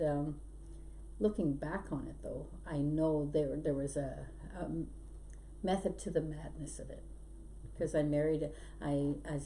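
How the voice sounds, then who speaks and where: Here a hypnosis trainer guests on a podcast, a Belgian-born, Canadian-raised woman in middle age telling life stories over casual interview chat. She speaks in a low, mellow voice, chatty and quick to laugh. The audio is poor, with faint noise in the background.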